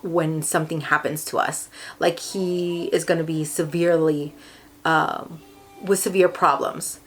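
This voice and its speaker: A young woman with a Californian accent telling a personal story to the camera, emotional and rambling, with many fillers and restarts. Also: on the low side. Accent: Californian English. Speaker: vlogger.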